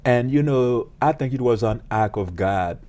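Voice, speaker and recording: A man, a pastor and police officer telling his story as an interview guest in an earnest, halting way with many fillers. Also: mid-range voice, lively intonation, mellow. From Haiti. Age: late 30s.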